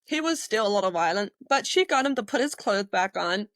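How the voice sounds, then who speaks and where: A woman working as an EMT, telling stories as a podcast guest in a lively way, acting out what people said and laughing often. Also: medium pitch, fairly quick, no room sound. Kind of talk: casual storytelling in a podcast interview.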